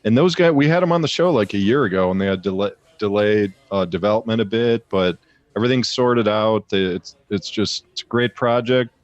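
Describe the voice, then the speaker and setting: A man's voice: fairly low pitch, brisk, no room sound. A man co-hosting a live music show, explaining things in an easygoing, rambling way. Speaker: co-host. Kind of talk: casual live show chat. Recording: dry, dull lo-fi sound.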